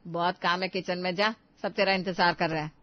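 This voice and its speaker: A woman's voice: lowish voice, steady tone, fairly quick, close to an everyday voice. A woman voicing a stern, nagging middle-aged mother-in-law who scolds her daughters-in-law sharply, in a dull lo-fi recording. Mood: scolding. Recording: dull lo-fi sound.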